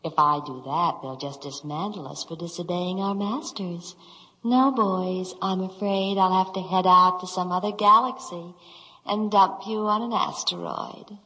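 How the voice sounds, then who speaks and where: A woman's voice: lowish voice, unhurried, pushed and bright, long reverb tail, rough recording. An actress playing a female spaceship computer in an old radio drama, dramatic and scornful in a mock-romantic way. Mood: regretful. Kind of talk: 1950s radio drama acting.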